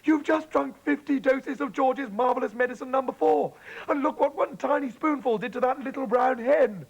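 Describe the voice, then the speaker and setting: A man voicing a fretful, sharp-tongued farmer's wife in a high, fussy voice. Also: wildly swooping pitch, fairly quick, vocal fry, husky, muffled recording, full character voice. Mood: fretful, scolding.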